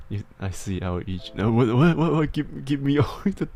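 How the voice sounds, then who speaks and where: On a casual advice livestream, a young adult host answers struggles viewers have submitted. His mid-range voice is expressive with a darkish tone, and he speaks a little slowly. He rambles and giggles, frequently laughing and restarting his sentences.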